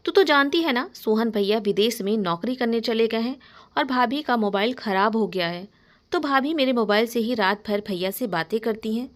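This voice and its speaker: A woman's voice: on the high side, moderate pace, natural voice. A woman voicing a loyal young woman who earnestly defends herself to her friend. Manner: pleading, earnest.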